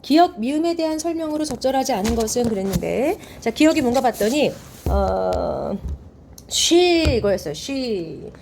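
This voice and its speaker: A woman's voice: fairly high pitch, animated, moderate pace, creaky, few pauses, warm tone, slight background noise. A woman teacher walking students through a text for an exam, asking rhetorical questions and reading quoted lines aloud. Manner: explains step by step, asks rhetorical questions, reads quoted lines in a raised voice. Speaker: high school Korean teacher. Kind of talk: exam prep lecture.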